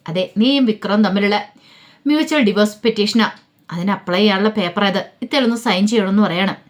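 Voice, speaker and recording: Give me a menacing, scheming brother talking fast, as a woman storyteller reads him. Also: medium pitch, natural voice. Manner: cold, menacing demands. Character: Sreekanth, a scheming, threatening brother.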